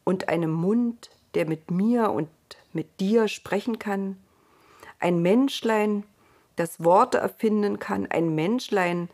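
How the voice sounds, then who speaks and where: A woman reading the part of God in a storybook, a stern but tender creator speaking slowly and gently. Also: medium pitch. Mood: grave.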